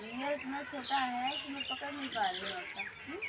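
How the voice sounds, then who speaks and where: A woman's voice: high voice, moderate pace, over a noisy crowd, heavy background noise. A woman playing a teacher who quizzes children on English words, scolding them sternly and repeating her questions. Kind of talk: scolding classroom skit.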